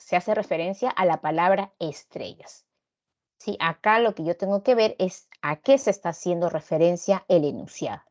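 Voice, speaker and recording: A woman's voice: lowish voice, lo-fi sound. A woman teacher with a Peruvian Spanish accent, giving a recorded class lecture and checking in with students through frequent tag questions.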